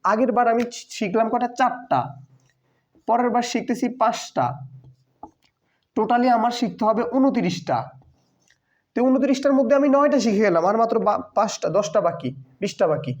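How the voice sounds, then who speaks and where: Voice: medium pitch, moderate pace, pauses often. A teacher, patiently walking learners through letters step by step, repeating them and quizzing with short questions. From Bangladesh. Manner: patient, drills by repetition and quiz questions. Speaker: Quran teacher. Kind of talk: step-by-step lesson. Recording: dull lo-fi recording.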